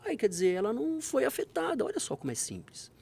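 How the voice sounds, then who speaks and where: A man's voice: very high voice, quick pace, creaky, husky. A man who is a fire brigade major, being interviewed and telling emergency stories, acting out the dialogue vividly. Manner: animated storyteller, acts out dialogue. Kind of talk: conversational interview, storytelling.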